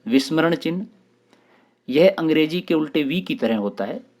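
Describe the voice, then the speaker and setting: A man hosting his own channel and teaching a grammar lesson for exam preparation, explaining terms one by one with short pauses. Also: a little high, animated, a little mellow.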